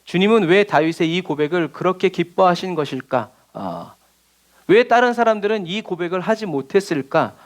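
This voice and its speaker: A man's voice: sits high, big pitch swings, moderate pace. A male pastor preaching a midweek sermon, asking the congregation rhetorical questions and acting out the lines he quotes. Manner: asks rhetorical questions and answers them, acts out quoted lines.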